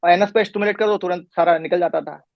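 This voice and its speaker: A middle-aged man in a patient's chair who talks quickly in a rather high voice and rambles through detail, restarting often. The recording is dull and lo-fi, with a dry, close sound. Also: creaky, no room sound. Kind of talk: casual conversation. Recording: muffled lo-fi recording.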